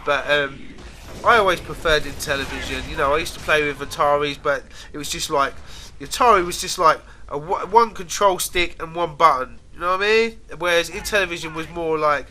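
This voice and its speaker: A man's voice: on the high side, brisk, sharp tone, slight background noise. A British man with a congested, nasal voice, as if his nose is pinched by a cold, chatting casually and slangily as he rambles over gameplay. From United Kingdom. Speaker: gaming video host.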